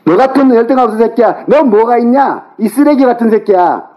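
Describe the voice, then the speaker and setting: A middle-aged man on a phone call, angrily yelling, cursing and berating the other person. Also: very high-pitched, lively intonation, a little fast. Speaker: older brother on a phone call. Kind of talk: heated phone argument. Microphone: phone call recording.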